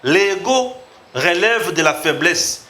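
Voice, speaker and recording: Man with a bright voice. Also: sits high, animated, slow pace. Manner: reads tweets aloud and comments, switching between French and Lingala. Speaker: host. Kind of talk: political commentary show.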